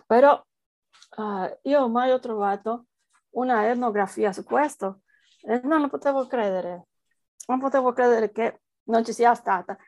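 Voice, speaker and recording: A woman's voice: fairly high pitch, a little slow, a little mellow, no room sound. A woman researcher with a foreign accent, answering interview questions hesitantly as she searches for words in a language that is not her first. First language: not Italian, speaks it as a foreign language.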